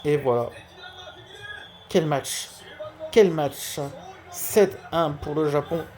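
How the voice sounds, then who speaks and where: Un homme qui zozote, avec des s chuintants, commente en amateur un match de jeu vidéo en direct et répète certains mots pour insister. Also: male voice, fairly high pitch, slow, a little mellow, faint music behind. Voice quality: lisping, slushy s and sh sounds. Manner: repeats key words for emphasis. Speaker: amateur live streamer. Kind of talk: football video game commentary and dedication to a friend.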